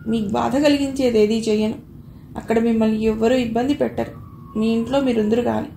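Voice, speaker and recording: A steady, kind young man, as a female reader puts him on, soft and reassuring in a storybook reading. The voice is a little gravelly and mellow, heard in a roomy space with a faint hiss behind it. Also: a little high, brisk. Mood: calm. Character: calm caring young man, gentle and steady.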